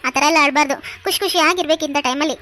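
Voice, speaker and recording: Woman as a fussing cartoon aunt, talkative and bright-voiced. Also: high voice, quick pace, no room sound. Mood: soothing. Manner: talkative, over-explaining. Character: fussing middle-aged aunt, doting. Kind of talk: cartoon voice acting.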